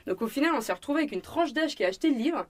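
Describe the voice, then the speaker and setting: A woman's voice: high voice, lively intonation, rapid-fire. A young woman with a French accent telling her story in a casual interview, chatty, with many fillers, acting out bits of dialogue. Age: young adult. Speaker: restaurant owner and student guest.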